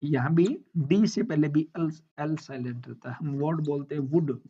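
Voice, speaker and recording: A man's voice: a little high, normal speed, warm tone, slightly rough. A male teacher explaining English silent letters in a classroom lesson. He asks questions and answers them himself, step by step. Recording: dull lo-fi sound.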